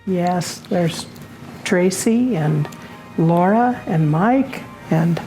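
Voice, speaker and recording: Woman as Mrs. Claus, gentle and slow-spoken. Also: lowish voice, expressive, faint music behind, rough recording. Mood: amused, informative. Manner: gentle, chuckling, unhurried. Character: Mrs. Claus, fond, homey, gently amused older wife. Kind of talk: audio drama dialogue.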